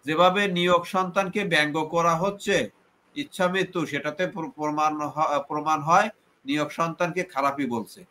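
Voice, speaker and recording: Taunting, bright-voiced man. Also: a little high, steady tone, fairly quick. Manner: repetitive, taunting, insulting. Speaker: live stream host. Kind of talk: heated live debate.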